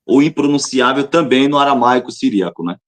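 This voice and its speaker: A man, a fellow professor, answering questions carefully and sounding out words slowly. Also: medium pitch. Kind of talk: casual chat.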